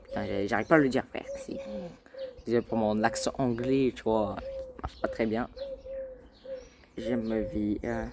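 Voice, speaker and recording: Low-ish and unhurried, with long pauses against a noisy background, a man hosts a laid-back gaming vlog. He rambles, hesitates, uses plenty of fillers, and repeatedly addresses his audience as "les gars."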